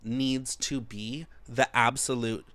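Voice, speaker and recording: A man hosting a podcast, eager and encouraging as he tells his own stories. His voice is bright with a forward edge. The recording is close and dry. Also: medium pitch, fairly even intonation, takes it slowly, no room sound. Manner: enthusiastic, affirming, lots of backchannel. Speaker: podcast host. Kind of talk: casual podcast conversation. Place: podcast studio.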